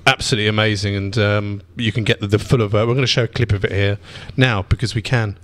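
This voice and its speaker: A man co-hosting a chat show, halting and repeating words as he introduces things. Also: lowish voice, steady tone, fairly bright tone. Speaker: co-host. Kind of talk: casual chat.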